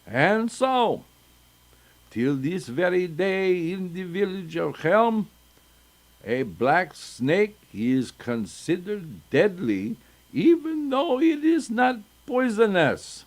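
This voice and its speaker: A man's voice: high voice, very animated, takes it slowly. An older man reading folktales aloud to children as a storyteller, chatty and breaking off into asides. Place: synagogue.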